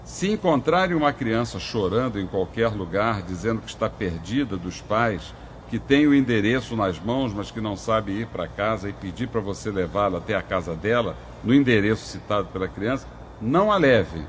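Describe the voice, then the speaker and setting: A man's voice: lowish voice, lively intonation, normal speed, a little hiss or hum. An older man, a former judge hosting a legal talk show, who gives earnest warnings and advice. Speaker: host and former juvenile court judge.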